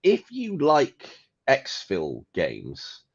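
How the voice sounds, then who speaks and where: A man co-hosting a podcast, chatting casually and profanely about games with an animated, ranting manner. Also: medium pitch, extremely slow, creaky, breathy edge, highs cut off. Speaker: podcast co-host. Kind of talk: casual gaming chat.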